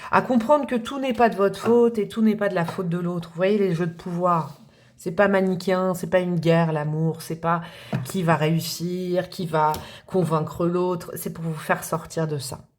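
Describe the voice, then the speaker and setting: A woman giving a casual tarot reading, talking straight to her viewers and thinking aloud as she goes. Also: fairly low pitch. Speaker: tarot reader.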